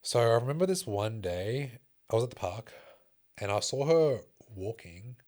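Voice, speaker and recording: A man's voice: mid-range voice, lively intonation, normal speed, a little mellow. A young adult man and fitness coach telling emotional personal stories in a casual conversation, swearing often. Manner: emotional storytelling with frequent swearing.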